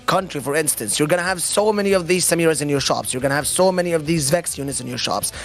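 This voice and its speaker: A man doing live esports commentary, excitable, explaining the game's mechanics. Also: fairly high pitch, fast, soft background music. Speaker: esports caster.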